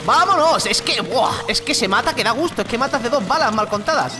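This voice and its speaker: A gaming channel host with a Spain Spanish accent giving chatty, excitable gameplay commentary. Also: medium pitch, fast talker, over music. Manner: excitable, chatty, exclaims and laughs during play.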